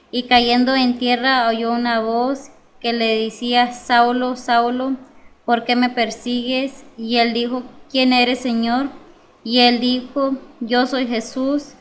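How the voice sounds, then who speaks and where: A woman's voice: fairly high pitch, a little hiss or hum. A woman from the congregation reading Bible verses aloud, carefully. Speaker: church member reading scripture.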